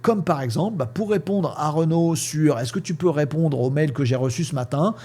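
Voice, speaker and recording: A man giving a casual, chatty lesson on how AI prompting works, talking in a lively way with many fillers and playful sound words. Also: a little high, moderate pace. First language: French. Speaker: teacher explaining AI prompting. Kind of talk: casual spoken lesson with screen demo.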